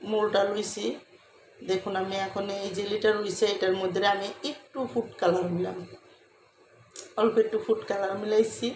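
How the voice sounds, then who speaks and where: A hoarse woman talks viewers through a cooking demonstration, chatty and repetitive, often asking them to look. Her voice stays fairly flat. The sound is roomy and echoey, with a faint hum of ambience behind her. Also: medium pitch. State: hoarse from a cold. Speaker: cooking vlogger. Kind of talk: casual step-by-step cooking demonstration.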